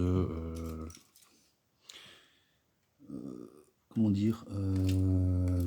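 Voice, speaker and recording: Man narrating his build, low dark voice, halting delivery, casual and self-deprecating. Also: a little hiss or hum. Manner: rambling, hesitant, many fillers, self-mocking. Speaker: Lego builder and video host.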